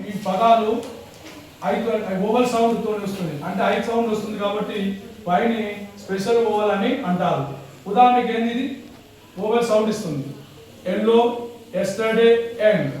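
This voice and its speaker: A man teaches a classroom lesson, going over each point again and again and answering his own questions. His voice sits high and comes from some distance away from the mic. The room around him is very echoey. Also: darkish tone.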